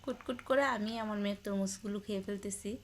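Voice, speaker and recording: A young mother talking casually in a home vlog, gently coaxing her sleepy daughter awake in a sing-song way and calling her name again and again. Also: medium pitch, steady tone, quick pace, a little hiss or hum. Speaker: vlogger, mother.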